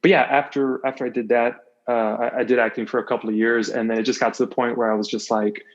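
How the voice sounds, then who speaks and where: A former athlete and coach speaks fast in a level, mid-range voice as a podcast interview guest. He tells personal stories candidly and conversationally, repeating phrases for emphasis and voicing quotes. The recording is muffled.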